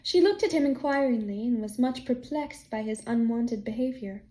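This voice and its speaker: A woman narrating an audiobook chapter in a calm, soft, steady storytelling manner. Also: a little high, normal speed, reverberant. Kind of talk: scripted narration.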